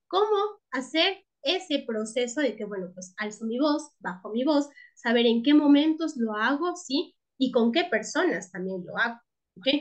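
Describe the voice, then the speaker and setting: A woman teaching a class, checking in with her listeners again and again and restarting words as she goes. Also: high-pitched. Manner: checks in with frequent tag questions; restarts words and repeats herself. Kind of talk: class lecture.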